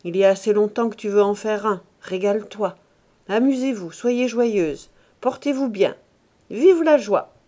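A woman's voice: mid-range voice, normal speed, darkish tone, natural voice. A woman reading an audiobook voices an old miserly winegrower who blusters and wheedles. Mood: blustering. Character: old miserly male winegrower, gruff and scheming.

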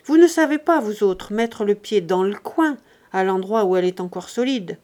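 A woman reading aloud puts on a stingy old master of the house in an audiobook. He talks loud, brusque and bossy, with his voice pushed up high. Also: expressive, normal speed, close to an everyday voice. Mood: gruff, bossy. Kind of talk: audiobook character voice.

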